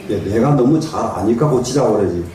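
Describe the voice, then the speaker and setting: An older man who is a Buddhist monk speaks fairly quickly in a dark, medium-pitched voice with lively intonation. His sermon is folksy and anecdotal, with chuckles and frequent calls for audience replies, heard from afar in a vast, echoing meditation hall.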